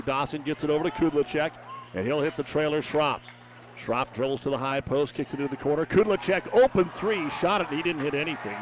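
A man calling a high school basketball game play by play on radio, his calls rising in excitement on big plays. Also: noisy background. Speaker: play-by-play announcer.

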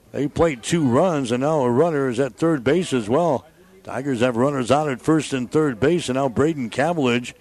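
A man's voice: medium pitch, darkish tone. A man giving live radio play-by-play commentary on a baseball game.

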